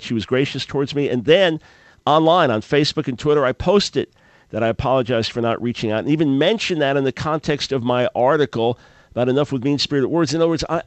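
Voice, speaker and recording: Man, radio talk show host, earnest, animated, repeats words, middle pitch, dry studio sound. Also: no room sound.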